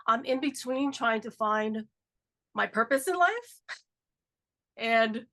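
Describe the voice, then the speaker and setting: This podcast host, a woman in her forties, has a somewhat high, expressive voice that comes out slow, pushed and bright, with a nasal edge from a cold. She chats casually, leaning heavily on fillers like "like" and "um."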